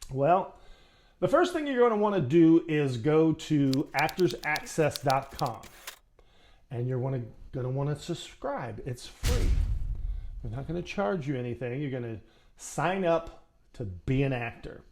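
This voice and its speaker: Lively chatty man giving acting tips. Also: fairly high pitch, unhurried, a little hiss or hum. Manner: chatty, folksy, addresses viewer directly. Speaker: acting coach. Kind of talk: casual how-to talk.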